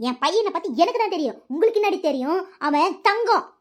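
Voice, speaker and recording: Brief: bullying aunt, played by a woman, high and quick, full of threats. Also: lively intonation. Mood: threatening. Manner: threatening, mocking. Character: bullying aunt pushing her son's marriage. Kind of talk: cartoon dialogue.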